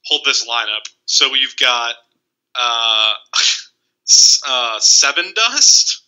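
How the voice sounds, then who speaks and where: A young man hosting a casual podcast chat, telling animated stories and swearing freely. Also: mid-range voice, takes it slowly, clear, resonant tone, poor audio. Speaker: podcast host.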